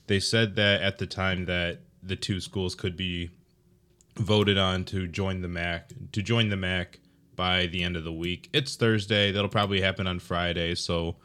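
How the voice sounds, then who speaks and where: A man's voice: sits low, level tone, measured pace, sharp tone. A man hosting a casual sports podcast, talking in a rambling, offhand way with sarcastic asides. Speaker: podcast host.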